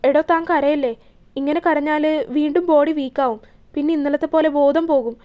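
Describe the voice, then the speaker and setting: A woman voicing a young husband in a romance audio story, speaking slowly and reassuringly. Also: high-pitched, fairly even intonation, dark tone, natural voice. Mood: gentle. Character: young husband, calm and caring, scornful to enemies.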